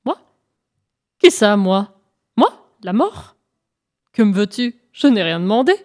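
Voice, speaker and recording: A woman's voice: mid-range voice, big pitch swings, slow, a little mellow. A woman doing a scheming greedy hyena. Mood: frightened. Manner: falsely friendly, then commanding. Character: greedy scheming female hyena, false and bossy.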